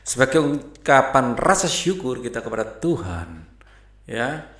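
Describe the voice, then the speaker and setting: A man's voice: mid-range voice, very animated, unhurried, fairly bright tone, reverberant. A man teaching a primary school textbook lesson in a casual, chatty way, reading aloud and mixing in English words.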